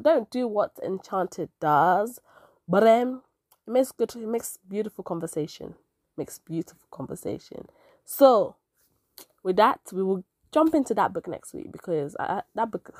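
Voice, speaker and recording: A woman hosting a casual book review podcast, nasal and stuffed-up from a cold, chatty and excitable as she talks straight to her listeners. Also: medium pitch, no echo, clean studio sound. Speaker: podcast host.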